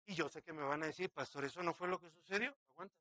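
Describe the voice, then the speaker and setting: A man's voice: fairly high pitch, fast, bright, forceful tone, dry recording. A man, a pastor preaching a sermon dramatically, acting out quotes and asking many rhetorical questions.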